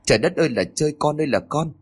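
A man's voice: on the high side, racing, husky, pitched above the performer's own voice. A man voicing an angry older mother who scolds her son-in-law, in a storybook reading. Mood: furious. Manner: scolding outburst.

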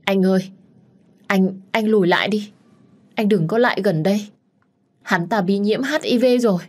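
A woman's voice: mid-range voice, moderate pace, a little mellow, pitched above the performer's own voice, close to an everyday voice. A woman voicing a terrified young woman held hostage, stammering and tearful. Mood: panicked.

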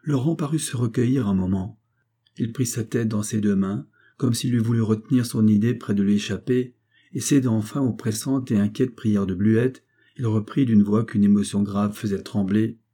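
A male narrator reads a literary tale in a measured, steady way. His voice sits low, with a dark, mellow tone and a husky edge. The delivery is calm, scripted storytelling. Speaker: audiobook narrator.

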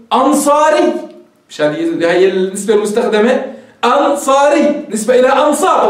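High-voiced man lecturing in an echoey hall. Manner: asks students questions and answers them himself. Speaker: sheikh teaching hadith terminology. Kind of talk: classroom lecture. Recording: very echoey room, voice from far off.

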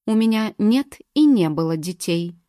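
Audiobook: woman reading a cold, clipped older sister, dark tone. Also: medium pitch, expressive, measured pace, no room sound, studio quality, natural voice. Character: cold, defensive older sister under questioning.

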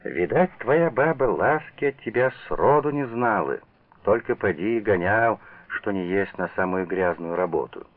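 A man's voice: on the low side, sing-song, measured pace, no room sound, exaggerated voice. A man voicing a kind, weary peasant widow who speaks plainly, scolding at times and tender at others, on a tinny old radio broadcast. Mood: reproachful.

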